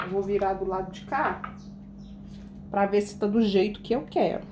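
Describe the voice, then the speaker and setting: This woman speaks at a moderate pace in a mid-range voice, with background noise audible. In a relaxed baking tutorial from her home kitchen, she decorates a cake, chats with viewers she addresses as "gente," and explains each step.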